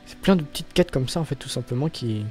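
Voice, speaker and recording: A man's voice: mid-range voice, lively intonation, fast talker, darkish tone, faint music behind. A young man giving casual, rambling commentary as he plays a video game, often swearing and cutting himself off. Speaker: gaming channel host. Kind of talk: casual let's-play commentary.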